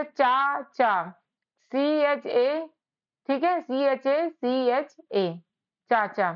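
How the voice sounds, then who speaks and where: Woman teacher, high voice, patient, keeps repeating herself, kinda dull lo-fi sound. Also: clean tone. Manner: patient, repeats each point with rhetorical questions. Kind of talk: whiteboard lesson.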